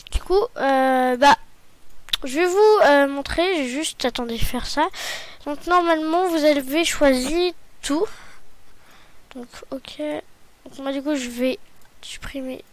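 A woman hosting a software tutorial, talking hesitantly and often correcting herself with apologies. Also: sits high, no echo. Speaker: tutorial host. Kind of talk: screen-recorded software tutorial.

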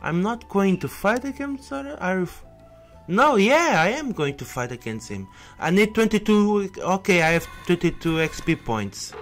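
A man's voice: sits high, big pitch swings, moderate pace. Young man, let's-play commentary, rambling restarts, headset mic, faint game music. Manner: rambling, many restarts and repetitions, exclaims at the game. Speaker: gameplay commentator. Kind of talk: casual let's-play commentary, reading on-screen text aloud. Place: indoors at his computer.

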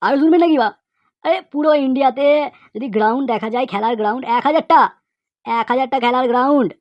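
A woman voices an outspoken cartoon pupil in a comedy monologue, lecturing with indignant, preachy emphasis, repeated phrases and rhetorical questions. Her high voice moves fast and sounds close to everyday speech. The recording is dry and muffled.

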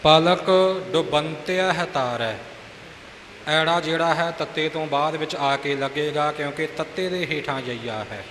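A man teaching scripture recitation who corrects pronunciation with patient, deliberate explanations and repeats the phrases. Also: on the high side, fairly bright tone. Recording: echoey hall with faint hiss.

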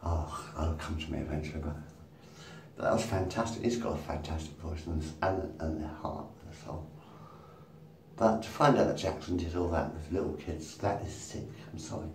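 A vlogger in his fifties holds his phone at arm's length in a small room and rambles through a casual monologue, swearing and laughing at his jokes. His voice is deep and darkish, at a moderate pace. The mic is distant, leaving roomy echo and some faint background noise.

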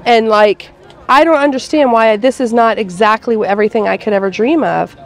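A woman's voice: fairly high pitch, a little fast. Chatty woman reviewing festival food. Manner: chatty, lots of "like" fillers. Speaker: food vlogger. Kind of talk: casual food review chat.

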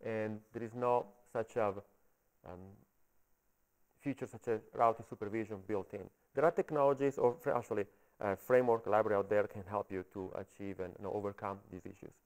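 Low-voiced Italian man giving a tech talk. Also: darkish tone, rough recording. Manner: halting, frequent "right?" checks to the audience. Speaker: conference speaker. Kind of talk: technical meetup talk. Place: coworking space meetup room.

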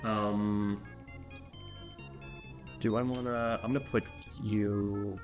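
A man giving casual commentary while he plays a video game, muttering to himself and then urging the pieces on in excited bursts. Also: lowish voice, very slow. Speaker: player. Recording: roomy echo, faint game music.

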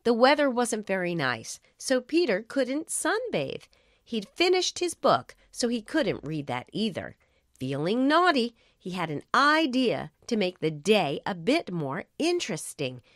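A woman narrating a children's audiobook with slow, expressive bedtime-story reading. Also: medium pitch, no room sound, clean studio sound.

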